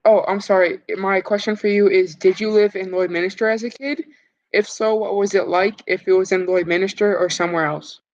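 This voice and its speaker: A student interviewer asks prepared questions in a polite, careful way. The voice sits at a middle pitch, and the audio is slightly muffled. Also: steady tone, normal speed.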